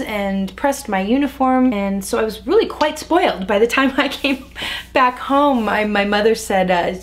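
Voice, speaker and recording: An American woman in her forties tells old stories in a relaxed, chatty way. She fills pauses with ums and laughs easily. Her pitch sits right in the middle. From United States. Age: 40s. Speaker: interviewee. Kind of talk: relaxed reminiscing conversation.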